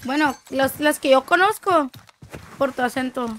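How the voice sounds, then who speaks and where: A young woman chats casually through a gaming stream, full of slang, and answers her chat as she plays. Her voice sits high. A faint hiss runs under the recording. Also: a little slow, a bit bright. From Tijuana, Mexico. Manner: chatty, slangy, reads chat aloud.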